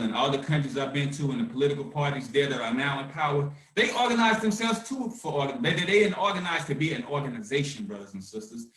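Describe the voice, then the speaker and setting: A man hosting a conference call, talking with fire and swinging from shouting to hushed calm. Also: medium pitch, distant mic. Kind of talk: impassioned activist talk. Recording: roomy echo.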